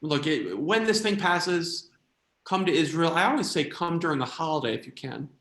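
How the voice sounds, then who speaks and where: Animated American man doing stand-up. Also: fairly high pitch, roomy sound. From United States. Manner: animated, quick shifts into quoted voices. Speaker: stand-up comedian. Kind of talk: stand-up comedy routine.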